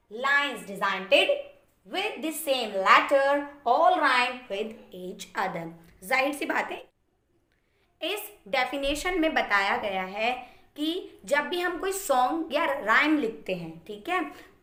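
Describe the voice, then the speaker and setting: A woman teacher giving an online lesson, explaining step by step and slowing down to read poem lines aloud. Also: sits high, sharp tone. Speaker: English teacher. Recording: echoey room.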